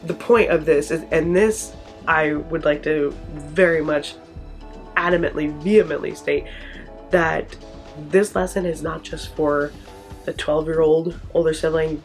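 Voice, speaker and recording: A woman's voice: low voice, fairly even intonation, a little slow, soft background music. A young woman from Michigan, hosting her channel in an earnest, encouraging way, often restarting her sentences. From Michigan, USA. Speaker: channel host. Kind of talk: heartfelt personal vlog talk.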